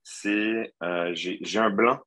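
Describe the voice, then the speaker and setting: A man's voice: on the low side, takes it slowly, over a noisy crowd. A man playing as a radio quiz contestant, hesitating and thinking aloud about his answers. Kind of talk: casual on-air banter.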